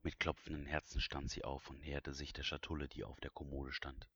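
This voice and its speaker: A man's voice: a bass voice, completely flat delivery, brisk, bright, forceful tone, breathy edge, no room sound. A man reading an audiobook as narrator in a suspenseful voice that drops to whispers. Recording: dull, dry, lo-fi recording.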